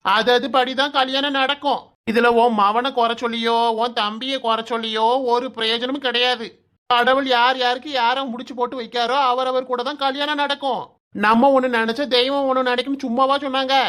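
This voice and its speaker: A calm pious village husband. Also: female voice, sits high. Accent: Kanyakumari Tamil. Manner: soothing, slow, reasoning.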